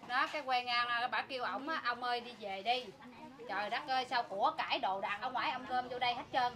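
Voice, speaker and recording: A woman with a Southern Vietnamese accent tells her side in emphatic, fast bursts. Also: on the high side, pushed and bright. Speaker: interviewee. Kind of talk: spoken account.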